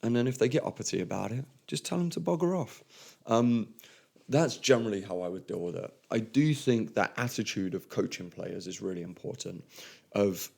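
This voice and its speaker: A man's voice: lowish voice, moderate pace, creaky, darkish tone. A young man hosting a podcast and talking casually about refereeing, full of "like" and "um". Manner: chatty, lots of "like" and "um". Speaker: podcast host, football referee. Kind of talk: casual solo podcast talk.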